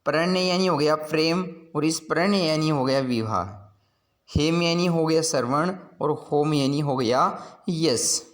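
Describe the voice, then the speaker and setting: A man's voice: fairly high pitch, a little slow. A man teaching a school lesson, patiently explaining word meanings and repeating each point.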